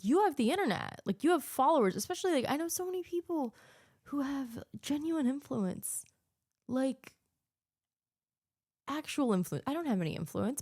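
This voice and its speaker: A woman's voice: medium pitch, a little mellow, dry recording, studio quality. Earnest ranting woman podcast host. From United States. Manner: earnest, ranting, frequent filler words. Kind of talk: casual political monologue.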